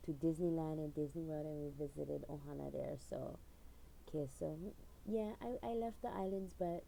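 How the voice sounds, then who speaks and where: Gravelly dark-voiced woman. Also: low voice, moderate pace, a little hiss or hum, poor audio. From Hawaii. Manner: rambling storyteller with frequent fillers and laughs. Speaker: channel owner. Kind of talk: casual personal vlog.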